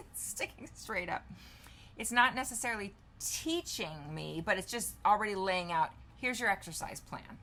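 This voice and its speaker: Chatty woman vlogger in her fifties, bright voice. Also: mid-range voice, lively intonation, moderate pace. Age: 50s. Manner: chatty, thinks aloud while typing, reads answers aloud. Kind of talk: casual chat while demonstrating.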